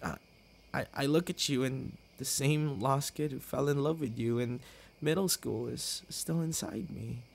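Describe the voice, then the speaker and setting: A man with a gravelly, mid-range voice and steady tone portrays a tender young boyfriend nursing a broken heart in intimate ASMR roleplay. Pained and earnest, he speaks haltingly, stammering and sighing.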